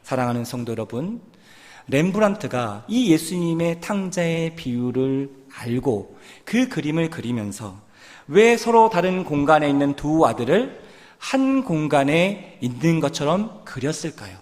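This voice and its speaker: A male pastor delivers an emphatic sermon, his fairly high voice swinging widely in pitch. It rings out with a long church reverb, and his delivery climbs into fervent, pleading appeals. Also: very animated, unhurried, a little mellow. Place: church sanctuary.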